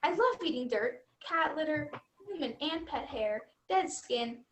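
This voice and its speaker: A woman's voice: sits high, animated, a little slow, slight background noise. A woman playing an earnest, dutiful robot vacuum in a scripted stage comedy, with formal robotic phrasing. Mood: polite, servile. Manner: formal robotic phrasing, spells words out letter by letter. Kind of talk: scripted youth theater comedy acting.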